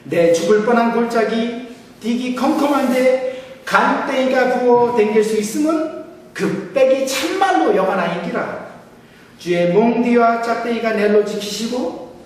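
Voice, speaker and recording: A man putting on a Gyeongsang dialect as a brash, hearty local, loud and emphatic. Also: extremely high pitch, voice pushed up. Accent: Gyeongsang dialect, put on. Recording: echoey church hall, mic far off.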